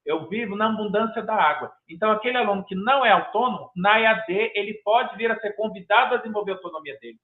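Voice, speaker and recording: High-voiced Brazilian man on tinny call. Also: fast, hardly any pauses. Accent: Brazilian Portuguese. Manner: rambling, hesitant, frequent restarts. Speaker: master's candidate defending his project. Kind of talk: academic thesis defense answer. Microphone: video call. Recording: tinny video-call audio.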